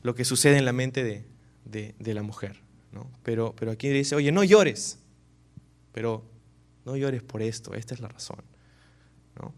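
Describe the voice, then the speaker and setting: A man preaching a sermon, animated, often tossing rhetorical questions to his listeners. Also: mid-range voice, moderate pace, long pauses. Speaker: pastor.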